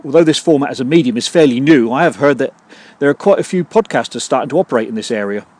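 A man hosting his own podcast, delivering a scripted comedy monologue in a dry, deadpan way full of puns. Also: medium pitch, quick pace, no echo. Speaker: podcast host.

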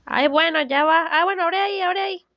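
A woman's voice: very high-pitched, no echo. Woman playing a dramatic, gossipy young mother. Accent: Venezuelan. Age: young adult. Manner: drawn-out, theatrical, sighing "ay" complaints. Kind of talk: comedic student film acting. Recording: dull, dry, lo-fi.

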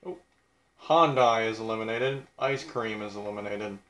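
A man's voice: lowish voice, normal speed, a bit bright, echoey room. A young man casually commenting on a video game, blunt and crude, mocking himself as he reads out who is eliminated.

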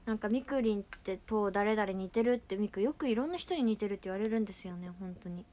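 A woman's voice: medium pitch, fast, mellow. A young woman hosting a casual livestream who chats in a filler-heavy way and reacts to fan comments as she reads them. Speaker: idol livestream host.

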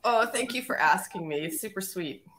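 Chatty guest from Canada, a woman with a mid-pitched voice, telling stories over a video call. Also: lively intonation, normal speed, a loud crowd. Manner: chatty, storytelling, many fillers. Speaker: guest, tech editor. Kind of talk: casual chat.

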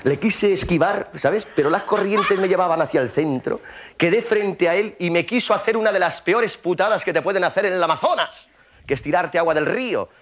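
A man performing a comic stage monologue, an animated storyteller who drops in mouth sound effects and chatty tag questions. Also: high voice, a little fast. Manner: conversational, with frequent tag questions. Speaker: stand-up comedian. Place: theater stage.

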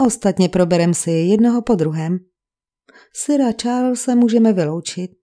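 A woman's voice: medium pitch, dark tone, natural voice. A woman reading the part of a fussy English village vicar who speaks in a precise, cold and sarcastic way.

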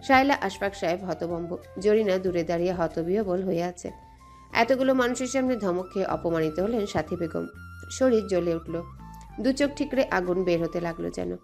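Brief: female narrator, mellow warm tone, steady dramatic storytelling. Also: fairly low pitch, normal speed, soft background music.

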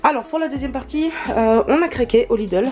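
A woman vlogger talking casually through a shopping haul, pausing often with hesitant fillers. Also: high-pitched, darkish tone, soft background music. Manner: chatty, many hesitant fillers.

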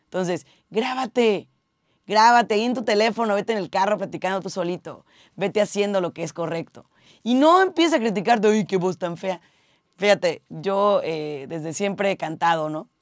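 A woman's voice: medium pitch, lively intonation, moderate pace, no room sound, clean studio sound. A woman, a radio host giving upbeat, direct public speaking tips from her radio booth. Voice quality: slightly husky. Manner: upbeat, direct, addresses viewers as family. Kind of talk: motivational tip video. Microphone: studio mic with monitoring headphones.

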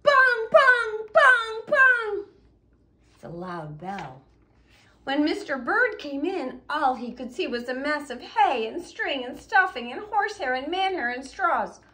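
Animated woman reading a picture book. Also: sits high, a little slow, background noise. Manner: animated, playful sound effects. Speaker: children's storyteller. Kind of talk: picture-book read-aloud.

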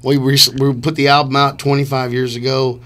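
A middle-aged musician, guesting on a radio show in a small studio, chats casually and with enthusiasm, spinning rambling stories. His voice sits mid-range with a level tone, a little fast and slightly bright.

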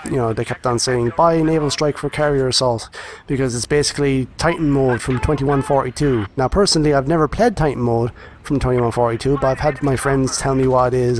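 A man's voice: medium pitch, slight background noise. Chatty male gaming channel host. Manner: chatty, addresses viewers directly; earnest, repeats phrases for emphasis. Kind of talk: casual review commentary over gameplay.

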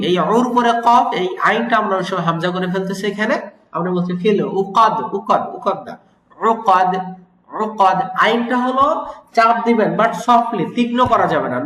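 In an echoing room, a man teaches Quran recitation, explaining as he goes in a patient, gradual manner. His voice is high, light and a bit bright, and he repeats sounds slowly so learners can hear the proper pronunciation.

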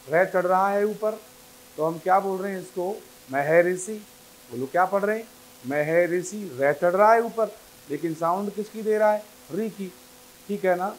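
A man teaching Hindi grammar to a class. He keeps asking the class questions, often answers them himself, and repeats words slowly for emphasis. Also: high voice, a little hiss or hum, rough recording. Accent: North Indian Hindi.

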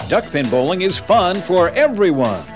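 A man's voice: high-pitched, big pitch swings, moderate pace. A man reading an advertisement in a cheerful, persuasive manner. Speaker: announcer. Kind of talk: advertising voice-over. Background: music.

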